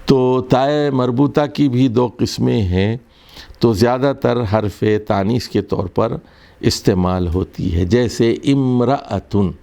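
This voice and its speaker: A man with a Pakistani Urdu accent teaching Arabic grammar in a recorded lesson. He explains slowly, repeats words, and often restarts with fillers. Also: mid-range voice, vocal fry, mellow.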